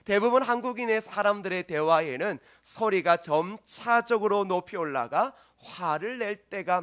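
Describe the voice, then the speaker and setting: High-voiced preaching male pastor. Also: fairly bright tone. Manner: earnest preaching, asks the congregation questions. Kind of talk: sermon. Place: church sanctuary.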